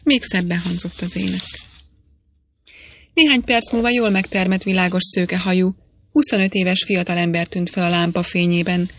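A woman narrating an audiobook in a steady, measured reading. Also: fairly low pitch, a little hiss or hum. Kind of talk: scripted narration.

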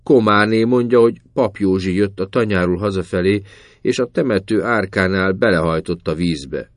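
A man voicing a loud, chattering old village woman in a read story. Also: low-pitched, dry recording, close to an everyday voice. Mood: excited gossip.

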